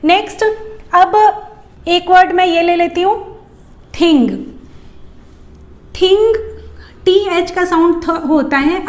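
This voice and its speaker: A woman with a high voice gives a phonics lesson for parents. She explains in Hindi peppered with English and stretches out each sound as she blends letters into words. The room has a noticeable echo. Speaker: English teacher.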